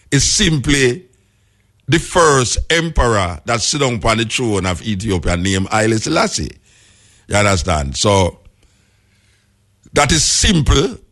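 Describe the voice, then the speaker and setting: A man's voice: medium pitch, very animated, moderate pace, a bit bright. A man with a Jamaican accent talking in Rasta speech with Patois grammar, explaining things emphatically and repeating key phrases.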